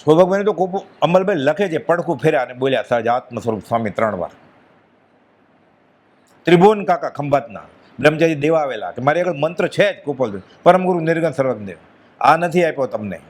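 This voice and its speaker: A man's voice: a little high, animated, fast talker. A man giving a devotional discourse with a Gujarati accent, earnest and emphatic, dropping his voice when quoting others. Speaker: spiritual speaker.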